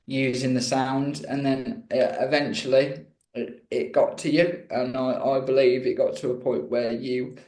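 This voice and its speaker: A man's voice: medium pitch, level tone, a little slow, a little mellow. A talkative man from Birmingham, England, telling his story in a casual interview. His speech rambles and he pokes fun at himself. The sound is roomy and echoey. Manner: chatty, rambling, self-deprecating. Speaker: guest musician.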